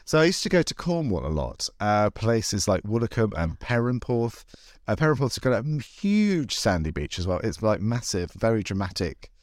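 A man's voice: lowish voice, very animated, normal speed, dry recording, studio quality. A man hosting a casual chat in a camp, wry, rambling and self-deprecating way. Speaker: host. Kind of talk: casual, chatty podcast conversation.

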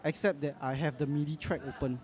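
A man's voice: on the high side, steady tone, fast talker, darkish tone. A man with a Singaporean accent hosting a casual podcast on the go, talking informally with Singlish particles. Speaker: podcast host. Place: out and about in a public place. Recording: noisy ambience of a public place.

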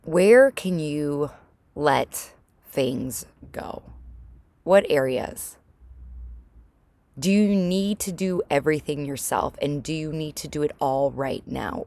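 Low-voiced woman reflecting slowly in a closet. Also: no room sound. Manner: gentle coaching with direct questions and pauses for deep breaths. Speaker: host of a personal solo recording for women and mothers. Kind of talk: casual reflective monologue, motivational. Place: small clothes closet at home, indoors.

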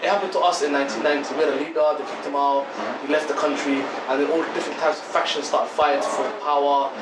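A man's voice: a little high, steady tone, quick pace. A man from Somalia, the guest of an interview, speaking in a casual, chatty way with many fillers and repeated words, outdoors near a construction site. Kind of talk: casual conversation. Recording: distant, echoey, loud construction noise. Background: construction noise.

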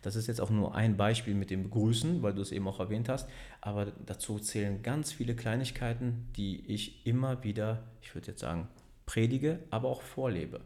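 This man owns a business and leads a team, and in a casual interview he speaks briskly in a lowish, darkish voice. He rambles, corrects himself, and keeps ending sentences with a questioning "ne?"

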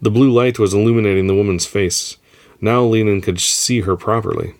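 A man reading a story aloud in a measured, steady narration. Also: on the low side. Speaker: story reader. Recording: faint music underneath.

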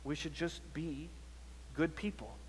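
A pastor with a husky, somewhat high voice delivers a sermon at a measured pace in a steady tone. He is earnest and exhortative, posing rhetorical questions and repeating his phrases often. The sermon audio carries a long hall reverb.

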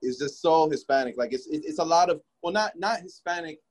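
A man's voice: a little high, a little fast. Laid-back young man on a call. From Miami, Florida. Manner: laid-back, rambling with many restarts and fillers. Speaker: interview guest, musician. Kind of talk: casual interview chat. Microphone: video call.

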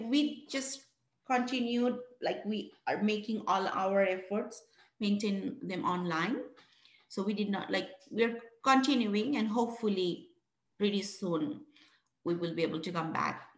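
Woman from Bangladesh in an echoey room. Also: fairly high pitch. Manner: earnest, reflective, with many restarts and fillers. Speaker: guest, founder of a mentoring program. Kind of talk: interview answers. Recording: roomy echo.

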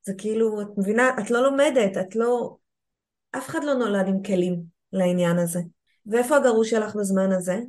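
A woman's voice: mid-range voice, darkish tone. A woman hosting an interview, reflecting back and summing up what her guest says. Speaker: podcast host. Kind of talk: supportive interview.

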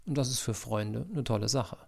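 Gravelly man coaching students. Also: medium pitch, a little fast. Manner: calm, direct second-person address. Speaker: learning coach. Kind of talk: scripted podcast lesson for students.

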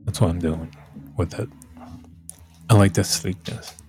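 A man talks in a low, slow, somewhat rough-edged voice. He rambles casually like a streamer, halting and repeating phrases as he goes. Soft music plays faintly behind him. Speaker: livestream host.

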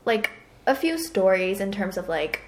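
A Hong Kong woman in her twenties co-hosts a podcast, chatting loosely and casually with lots of fillers. Her mid-range voice moves in big pitch swings at a slightly slow pace, and room echo surrounds it.

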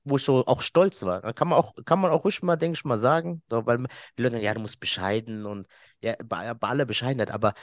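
A man's voice: mid-range voice, fast, no room sound, studio quality. A man, a podcast guest who tells a story in casual chat, laughs often and acts out what people said.

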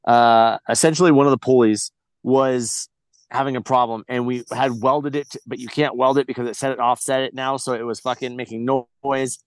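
A man's voice: medium pitch, fairly even intonation, brisk, dry recording. A man telling a story as a podcast guest, blunt and heavily profane, rambling with frequent restarts. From United States. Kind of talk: casual storytelling.

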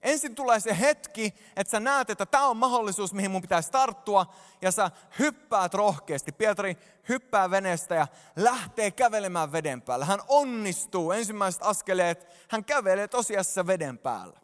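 Male pastor, higher voice, animated sermon, church hall echo. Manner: animated, addresses congregation directly. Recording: long hall reverb.

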